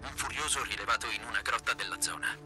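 A man's voice: on the low side, animated, fast talker, music in the background. A man voicing a curt, secretive government handler who speaks over a walkie-talkie radio in dubbed video game dialogue. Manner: clipped, terse, commanding.

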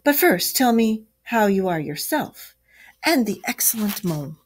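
A woman's voice: mid-range voice, big pitch swings, a little slow, a little hiss or hum, voice pushed up. A woman voicing a vain, sly male toad who is impatient and falsely sweet in a storybook read-aloud.

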